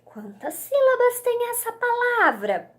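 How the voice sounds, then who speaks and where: A young Brazilian teacher with a high, lively voice talks slowly and patiently to small children. She stretches each syllable, sings out her questions and lets her pitch rise and fall widely as she explains. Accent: Brazilian Portuguese. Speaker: primary school teacher. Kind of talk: children's literacy lesson.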